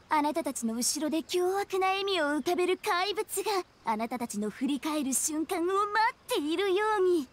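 A female voice actor pitched high plays a young shrine maiden in an anime game, polite yet eerie. Her delivery is formal, with a teasing, ominous edge.

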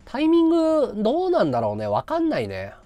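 Male streamer, rambling casual monologue, lively intonation, dry close sound. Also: extremely high pitch, fast talker, no room sound. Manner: rambling, muttering to himself while calculating. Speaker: live streamer. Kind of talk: casual livestream chat.

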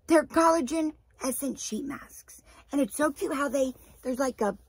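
A young woman chatting casually through a shopping haul to camera in an attic room, with a husky, breathy voice and rambling, informal asides. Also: high-pitched, moderate pace.

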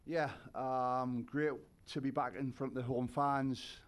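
A head coach in his forties sits at a table with a stand-mounted microphone, giving thoughtful postgame answers at a press conference. His mid-range voice is clean, shows little pitch movement, and moves a little slowly.

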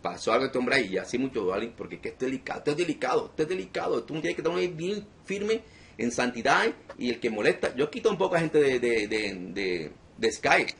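A man preaching as a deliverance minister to an online group, emphatic and repeating phrases again and again. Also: mid-range voice.

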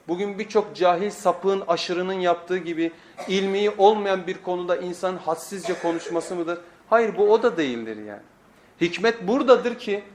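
High-voiced man preaching, echoey room. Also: darkish tone. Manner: emphatic, didactic, rhetorical questions to the congregation. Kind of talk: sermon. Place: echoing indoor room, speaking from a pulpit.

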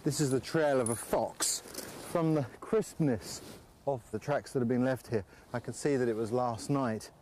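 Out in a snowy forest, a middle-aged English-accented wilderness presenter gives documentary narration and outdoor explanations at medium pitch. He is calm, friendly and measured, with enthusiasm for nature, and the clip-on mic also catches faint ambient noise.

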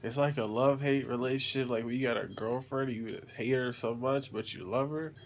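A man's voice: mid-range voice, a little fast. A young man talks to his phone in a groggy, post-anesthesia state. His chat is casual and slangy, wandering between thoughts, with faint noise around him in the room. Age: young adult. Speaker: vlogger, patient after surgery. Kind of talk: casual rambling chat to camera. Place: hospital room, lying in bed. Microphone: phone at arm's length. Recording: background noise of a hospital room.

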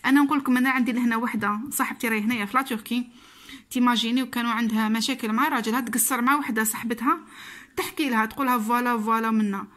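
A woman's voice: fairly high pitch, fairly even intonation, rapid-fire, a bit bright. A woman with an Algerian Arabic accent chatting casually to camera in a vlog, repeating phrases for emphasis. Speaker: vlogger.

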